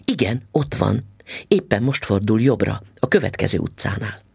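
A man reading an audiobook, voicing an excited, eager young child with a high, breathless voice. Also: gravelly, slightly rough, no echo, heavily acted. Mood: curious.

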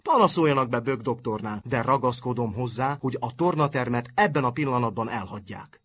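A man voicing a polite but hot-tempered top-student boy, with a husky voice. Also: mid-range voice, a bit bright. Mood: indignant. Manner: indignant, formally polite.

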